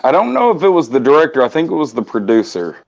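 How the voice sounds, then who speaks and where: With a fairly high, creaky, darkish voice that swings hugely in pitch, a man hosts a casual morning live-stream chat at a quick pace. He goes off in long, passionate, rambling runs with many restarts, over slightly muffled audio.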